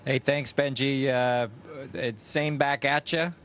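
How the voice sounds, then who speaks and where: A man speaking as an astronaut, recounting things matter-of-factly and haltingly in an unscripted way. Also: steady tone, fairly bright tone. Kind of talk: unscripted recounting in a live downlink event. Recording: space downlink with faint rumbling noise.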